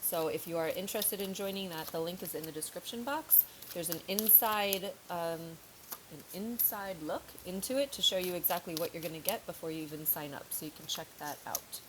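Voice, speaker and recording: Woman tarot reader, frank and chatty, lower voice, scratchy throat, light hiss on the track. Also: fairly quick. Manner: chatty, frank, thinks aloud with fillers. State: slightly sore throat, coughing. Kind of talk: casual tarot reading to camera.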